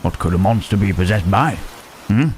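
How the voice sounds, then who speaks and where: Man voicing Frankenstein's monster, deep and hesitant. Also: lively intonation, a little fast, slight background noise. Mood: tender, shy. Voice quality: hesitant, stammering, formal speech. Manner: soft questioning tags, huh, eh, hmm. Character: lonely, gentle male monster, shy and halting. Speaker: voice actor. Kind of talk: ASMR roleplay.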